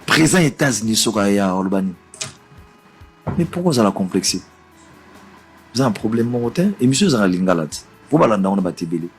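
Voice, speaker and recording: A man's voice: lowish voice, big pitch swings, fast, pauses often, soft background music, poor audio. A man, insisting in a press interview, switching between French and Lingala.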